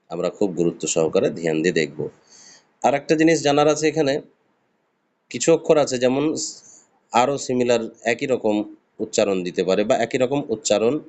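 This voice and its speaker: A man's voice: on the low side, darkish tone. A man teaching a beginner's lesson on pronouncing Arabic letters, patiently explaining and drawing out each sound. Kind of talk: step-by-step pronunciation lesson.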